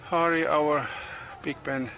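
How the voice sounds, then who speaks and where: A middle-aged man, not a native English speaker, vlogging outdoors on a tropical farm. His English is halting, with many pauses and uh's, and the camera is held at arm's length. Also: a little high, steady tone, background noise. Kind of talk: casual vlog narration. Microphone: handheld camera selfie and tripod camera.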